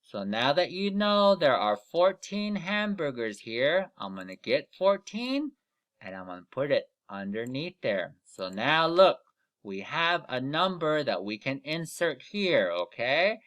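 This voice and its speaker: A man teaching young children in the manner of a kids show host, explaining deliberately step by step and often checking in with "okay?". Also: a little high, sing-song, fairly bright tone, dull audio. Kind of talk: children's lesson instruction.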